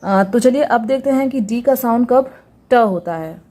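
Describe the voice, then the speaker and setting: A woman's voice: on the high side, normal speed, dark tone. A woman teaching English pronunciation, patiently repeating each example word and asking rhetorical questions. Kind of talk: Hindi-language lesson on English pronunciation.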